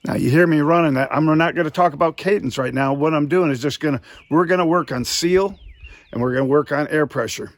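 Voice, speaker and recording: A man's voice: a little high, brisk, no echo. Folksy man giving a hands-on lesson. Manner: folksy, explanatory, step by step. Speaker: duck calling instructor. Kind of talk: instructional demonstration, informal.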